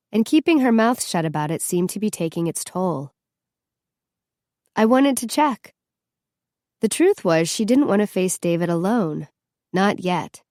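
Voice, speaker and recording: A woman's voice: on the low side, a little mellow, dry recording. Woman narrating an audiobook, dry and close. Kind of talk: scripted narration.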